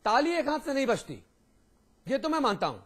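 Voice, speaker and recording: A man hosts a news debate on television with a very high-pitched voice. He jumps in with rhetorical questions and gently teases his guests. His delivery is quick and conversational. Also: sing-song. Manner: interjecting, teasing, rhetorical. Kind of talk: TV debate hosting.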